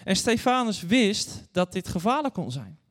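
A man's voice: high-pitched, very animated, normal speed, fairly bright tone. Earnest male preacher in an echoing church. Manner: earnest, storytelling, addresses congregation directly. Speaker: guest preacher. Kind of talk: sermon with Bible reading. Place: church hall. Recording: long church reverb.

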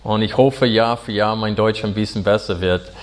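American-accented male pastor, forties, English native speaker, earnest and halting, lower-pitched voice, preaching a sermon. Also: steady tone. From Arkansas, USA. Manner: earnest, halting German with fillers.

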